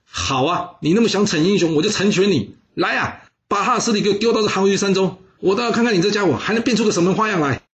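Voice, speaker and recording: A man voicing an arrogant, cruel male king who gives loud, imperious orders. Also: high voice, expressive, fast talker, few pauses, lo-fi sound, pitched above the performer's own voice. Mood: mocking.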